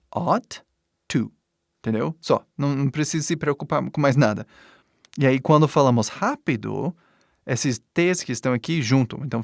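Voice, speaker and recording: A man with an English-speaking accent teaching a relaxed online lesson in Portuguese, checking in often with the listener. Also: medium pitch, vocal fry, no echo, clean studio sound. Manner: patient, explains slowly with many "né?" checks.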